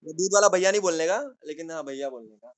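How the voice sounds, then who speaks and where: Young male chem tutor, high voice, playful, repeats himself. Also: fast. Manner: playful, repeats key words, jokey asides. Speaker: chemistry tutor. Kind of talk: casual classroom lecture.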